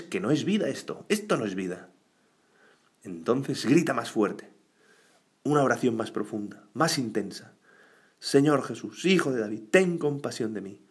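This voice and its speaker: A male priest preaching a weekday homily in a chatty, conversational style. He keeps asking tag questions and briefly acts out the voices in the story as he goes. His voice sits at an ordinary middle pitch.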